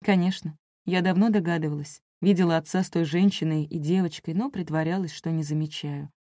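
A woman reading a first-person novel aloud in a measured, even way. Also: lowish voice, no echo, studio quality. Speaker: audiobook narrator.

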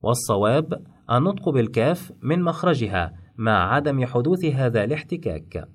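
Man calmly explaining pronunciation. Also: medium pitch. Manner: measured, explanatory, demonstrates sounds. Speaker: phonetics teacher. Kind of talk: scripted instructional narration.

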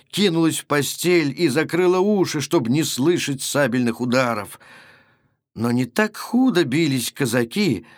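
Male audiobook narrator, announcer type, dramatic and steady, totally dry sound. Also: medium pitch, no room sound. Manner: measured, dramatic reading. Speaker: actor and radio announcer.

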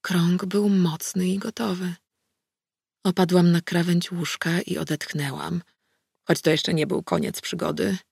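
A woman narrating a first-person audiobook in a calm, measured reading voice. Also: fairly low pitch, creaky, husky, no room sound, clean studio sound.

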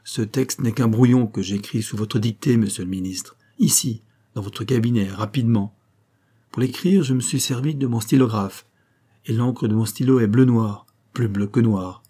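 A man voicing an eager male chief of staff in an audiobook, with a hurried delivery. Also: medium pitch, mellow, breathy edge, natural voice. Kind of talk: audiobook character reading.

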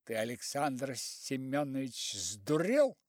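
A man's voice: mid-range voice, big pitch swings, slow pace, a little mellow, no room sound, clean studio sound. A man voicing a brash, mocking middle-aged peasant woman.

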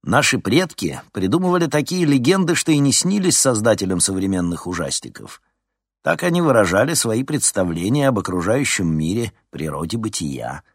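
A man's voice: lowish voice, sing-song, moderate pace, husky, no room sound, studio quality, voice pushed up, full character voice. A man voicing a charismatic young male history teacher lecturing a class in an engaging way, in a storybook reading.

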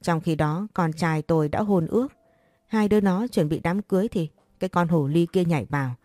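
A woman voicing a scornful, vindictive middle-aged mother who speaks loudly and sneers. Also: on the low side, a little fast, no echo, lightly acted. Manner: loud, sneering.

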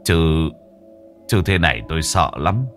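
A man's voice: a bass voice, expressive, a little slow, fairly bright tone, soft background music, heavily acted. A man voicing a haunted older villager who stammers and shakes with fear. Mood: frightened. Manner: stammering, shaky, fearful. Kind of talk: horror story narration.

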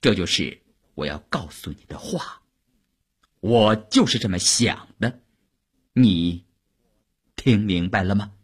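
A man voicing a proud young woman who fiercely defends her husband in an audiobook, with a husky, indignant delivery. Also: on the low side, expressive, takes it slowly, pauses often, heavily acted. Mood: furious. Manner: indignant, rising to sharp outbursts.

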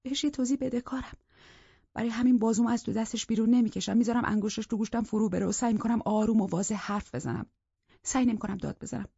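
A woman narrating a psychological thriller audiobook in the first person, in a tense, intimate manner with a husky voice. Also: a little high, steady tone, mellow, no room sound, dull audio.

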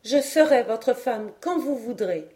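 A woman reading an audiobook, voicing a lively, teasing young woman with a playful, laughing manner. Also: on the high side, measured pace, voice pushed up.

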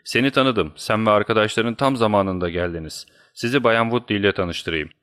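A sneering young brute with a raised, mocking voice, gloating over his victory, as a male audiobook reader puts him on. He speaks loud and triumphant, in a storybook reading. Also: on the low side, a little fast, smooth, natural voice. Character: brutish young bully man, sneering and triumphant.

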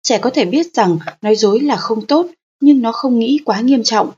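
A woman narrating a parenting audiobook in a calm, steady, explanatory manner. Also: fairly high pitch, normal speed, husky, lo-fi sound.

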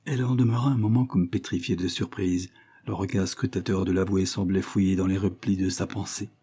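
A man reading a classic novel aloud in a measured, steady manner. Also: sits low, husky. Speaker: audiobook reader. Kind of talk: scripted literary narration.

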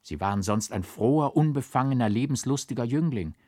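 A man's voice: mid-range voice, animated, a little fast, warm tone, no echo, clean studio sound, natural voice. A man reading the part of an earnest old man in an audiobook, coaxing and pleading, rising to fervent exhortation.

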